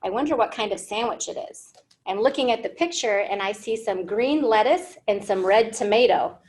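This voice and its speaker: In an indoor library room, a children's librarian in her thirties hosts storytime, reading a picture book expressively to young learners and adding simple questions and explanations. Her mid-range voice is expressive and somewhat dark, at a moderate pace.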